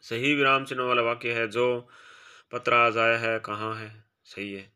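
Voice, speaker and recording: Guy teaching a grammar lesson, super bright voice, reads each quiz option then mutters if it's right or wrong. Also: flat delivery, unhurried, clean tone. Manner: drops quieter and lower for short asides. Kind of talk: exam-prep grammar lesson.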